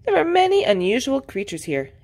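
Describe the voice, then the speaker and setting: Woman reading as a chirpy little girl piglet, high and bouncy, storybook voice. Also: brisk, heavily acted. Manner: bright, excited storybook voice.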